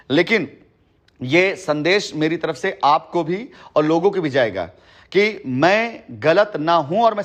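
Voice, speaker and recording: Over the telephone, a company head with a high, fairly bright voice addresses a customer in long, persuasive stretches. He's earnest and emphatic and often repeats himself.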